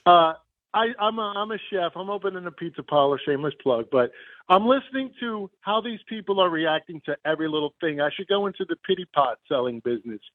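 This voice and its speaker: High-voiced American man calling a radio show. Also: expressive, quick pace, no room sound, phone-quality sound. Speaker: radio show caller, chef. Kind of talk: casual chat.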